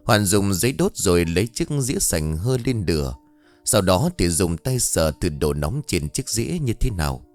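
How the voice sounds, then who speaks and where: Low-voiced man narrating a story. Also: normal speed, faint music behind. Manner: dramatic, lively storytelling.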